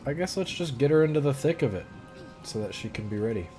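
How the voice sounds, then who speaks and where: A man's voice: medium pitch, expressive, fast talker, dark tone, faint music behind. A man casually commentating his gameplay, thinking aloud and muttering his plans as he goes. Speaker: gamer.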